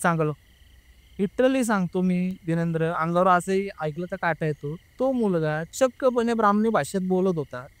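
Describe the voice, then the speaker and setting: A man's voice: high voice, lively intonation, moderate pace, clean tone, no room sound. A young man earnestly telling a personal story in a casual interview, acting out what his family said. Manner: earnest, emotional, re-enacts family members' words.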